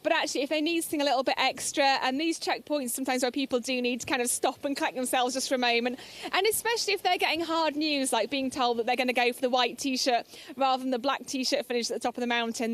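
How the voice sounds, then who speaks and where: A woman's voice: high voice, quick pace, few pauses. A woman reporting live from an outdoor race aid station, chatty and upbeat, laughing often. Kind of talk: live trackside commentary.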